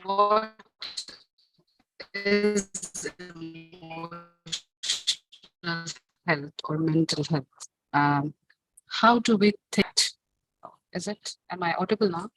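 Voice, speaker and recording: A woman's voice: on the low side, music in the background, rough recording. A woman, a guest speaker on an online panel, talking earnestly while her voice breaks up over a video call connection. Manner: earnest, advice-giving, halting with fillers. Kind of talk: live online panel talk. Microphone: computer or phone mic on a video call.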